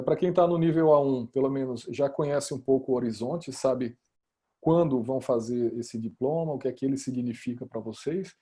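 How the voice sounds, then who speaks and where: A man's voice: medium pitch, mellow, slightly rough. A man coordinating a course, explaining earnestly over a video call and checking in with listeners. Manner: earnest, repeats for emphasis. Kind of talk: explaining in an online meeting.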